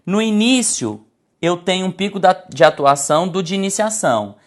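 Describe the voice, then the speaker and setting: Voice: mid-range voice, animated, normal speed. Exam-prep teacher explaining slides. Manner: didactic, addresses class as "gente", frequent "tá?" and "olha só"; stretches and shifts intonation to illustrate points. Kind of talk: online slide lecture.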